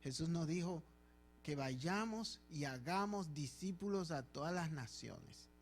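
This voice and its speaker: A man's voice: a little high, lively intonation, measured pace, slight background noise. A man with a Dominican Spanish accent, a pastor preaching a sermon in church with emphatic, repeated phrases. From Dominican Republic.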